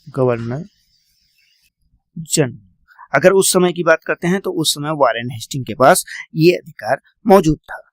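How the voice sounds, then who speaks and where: A man's voice: a little high, animated, moderate pace, few pauses, no room sound. A man teaching a classroom lecture, repeating key points, quizzing his students and calling them "beta".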